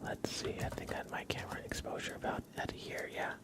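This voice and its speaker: Softly whispering with plenty of breath, a male ASMR livestreamer chats casually and rambles on without any rush.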